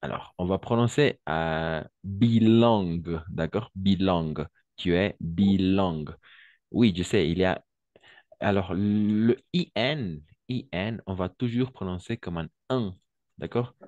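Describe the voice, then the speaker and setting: A man's voice: low-pitched, a little mellow, dry recording, lo-fi sound. A man teaching French to Spanish speakers, explaining patiently, switching into Spanish and checking in again and again. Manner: slow, patient explaining, constant "d'accord?" checks.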